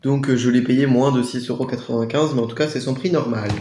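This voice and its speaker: A man chatting casually through a product haul review, hesitating often and sounding out foreign labels slowly. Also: medium pitch, fairly even intonation, dark tone, slight background noise. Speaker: vlogger reviewing a shopping haul. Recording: echoey room.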